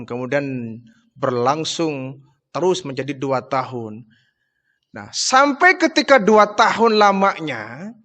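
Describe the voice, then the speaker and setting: A male Islamic preacher telling a religious history story in an expressive, dramatic way. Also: sits high. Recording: long hall reverb.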